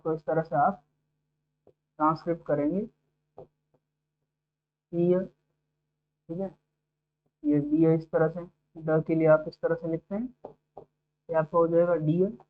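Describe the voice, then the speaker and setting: Unhurried and smooth, with a fairly high pitch and long pauses, this man teaches phonetics to students preparing for exams. He builds the lesson step by step and keeps asking 'ठीक है' and 'है ना' to check they're following, with tinny, phone-like audio.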